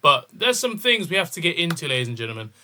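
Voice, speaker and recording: A man's voice: fairly high pitch, big pitch swings, fast talker, bright, forceful tone. A young man with a London accent and urban street slang, giving casual football commentary as a channel host, repeating phrases for emphasis.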